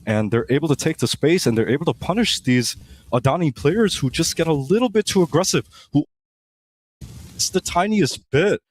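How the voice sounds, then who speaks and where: A man's voice: a little high, animated, moderate pace. A man giving esports color commentary, fluent and full of enthusiastic praise for the players. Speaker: esports caster.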